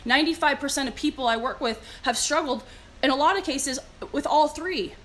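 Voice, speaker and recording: A woman's voice: high-pitched, a little fast, fairly bright tone, slight background noise. A woman with a Californian American accent giving an earnest, emphatic motivational talk to live stream viewers in a conversational way. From California, United States. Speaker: fitness leader and live streamer.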